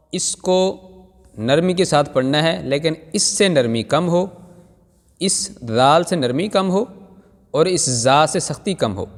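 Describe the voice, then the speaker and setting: A man teaching Quran reading, drawing out each Arabic letter slowly and then explaining patiently to parents, with much repetition. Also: a little high. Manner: slow, drawn-out recitation of Arabic letters. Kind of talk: Noorani Qaida recitation lesson. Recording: hall reverb.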